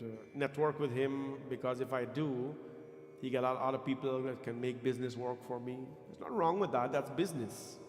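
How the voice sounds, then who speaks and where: Guyanese man preaching in an echoey hall. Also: medium pitch. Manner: emphatic, deliberate phrasing with questions to listeners. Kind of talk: religious discourse to a congregation. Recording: echoey hall, long reverb, faint music.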